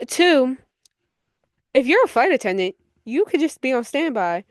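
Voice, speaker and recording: A woman's voice: high voice, sing-song, measured pace, no echo. Blunt, profane woman podcast host. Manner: scolds listeners and people directly. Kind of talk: casual solo podcast commentary.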